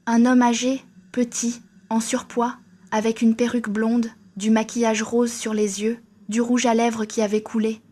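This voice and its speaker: A woman's voice: on the high side, flat delivery, moderate pace, dark tone. A woman narrating a first-person horror story in a tense, scripted way.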